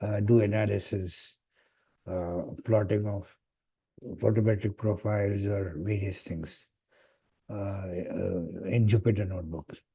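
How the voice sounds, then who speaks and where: A man's voice: lowish voice, steady tone, a little slow, vocal fry, mellow, husky. A man giving an online lecture, heard over a video call, hesitant with frequent "uh" fillers. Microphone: computer mic on a video call.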